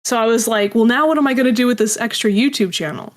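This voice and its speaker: Fast-talking and a little high-pitched, this interview guest, an audio drama creator, tells stories from her own life. She's casual, rambling and self-deprecating.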